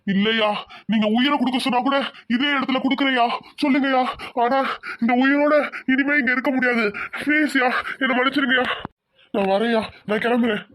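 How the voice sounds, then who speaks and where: A man's voice: very high-pitched, brisk, fairly bright tone. A man voicing a guilt-ridden village servant in a cartoon drama, pleading and apologetic. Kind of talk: Tamil cartoon drama voice acting.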